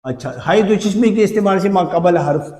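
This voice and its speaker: A male teacher with an Urdu accent who explains slowly, repeating words to show their pronunciation in a classroom lesson. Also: sits high, mellow, echoey room, far from the mic. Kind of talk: slow blackboard lesson.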